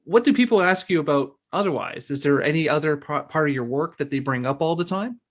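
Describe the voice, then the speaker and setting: A man's voice: a little high, animated, fairly quick. A man co-hosting a radio interview, asking curious questions. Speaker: radio show co-host. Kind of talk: casual interview chat.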